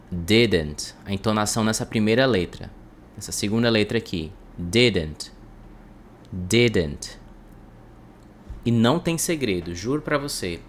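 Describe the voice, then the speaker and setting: A man teaching English to Portuguese speakers, breaking phrases into slow drills and repeating words for the listener. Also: on the low side, a little hiss or hum.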